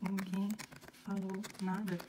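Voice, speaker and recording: A woman's voice: mid-range voice, slow, background noise. A young woman, a bride chatting casually for her vlog and laughing often. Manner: giggly, laughs often, animated. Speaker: bride and vlogger.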